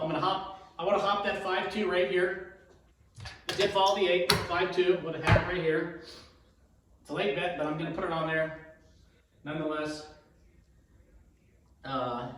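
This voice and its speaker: A man with a cold gives casual, halting play-by-play of a dice betting demonstration, often repeating his calls. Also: on the high side, steady tone, fairly bright tone. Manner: halting, self-narrating, repeats each call. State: has a cold, throat-clearing. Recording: very echoey room, distant mic.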